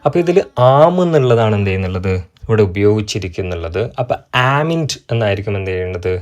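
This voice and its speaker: A man teaching an exam-prep grammar lesson, asking the class questions and answering them himself, and spelling out example sentences very slowly. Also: fairly low pitch, animated, a little mellow.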